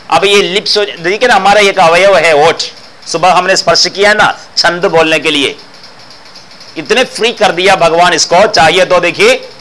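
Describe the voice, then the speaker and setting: Male philosophy teacher, high bright voice, explains by repeating phrases and posing questions. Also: slight background noise, low-quality recording. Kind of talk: explanatory discourse lecture.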